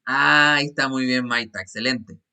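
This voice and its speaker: A man's voice: mid-range voice, steady tone, moderate pace, sharp tone, smooth. A man teaching an English class over a video call, patiently repeating grammar rules step by step. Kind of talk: online class explanation.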